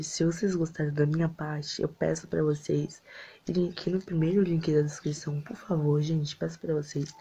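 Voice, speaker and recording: A young teenage boy with a Brazilian accent plays a receptionist in a soft ASMR role-play. His voice is creaky, and the small-room home recording has clear noise and clicks. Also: on the high side, muffled recording.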